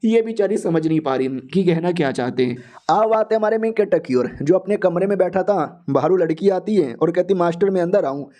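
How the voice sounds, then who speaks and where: A young man casually retells a manga story, chatty and slangy, calling his listeners "yaar" and voicing every character himself. His voice is high-pitched with lively intonation, a little fast, and dark in tone.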